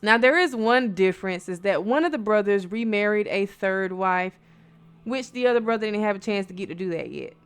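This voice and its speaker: Her medium-pitched voice is clear and resonant, moving briskly with lively intonation. This American woman narrates eerie bedtime stories in a friendly, chatty way, with dramatic emphasis, rhetorical questions and casual asides, all set against music.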